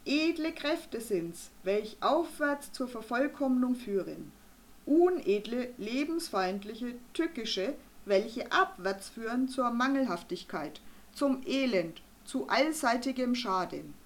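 A woman voicing a stern, pompous male doctor who lectures gruffly in an audiobook reading. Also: on the high side, animated, unhurried. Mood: stern declaiming. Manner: gruff, lecturing, then conspiratorial.

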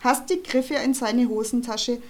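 Woman reading kids story out loud, lively, bit higher voice. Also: moderate pace. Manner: lively, expressive. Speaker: audiobook reader. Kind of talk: children's book narration.

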